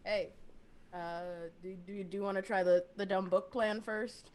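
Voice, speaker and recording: A woman's voice: mid-range voice, fairly even intonation, moderate pace. A woman playing a tabletop game in a chatty way, full of "like", acting out her character's lines. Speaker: player. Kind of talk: casual tabletop game play.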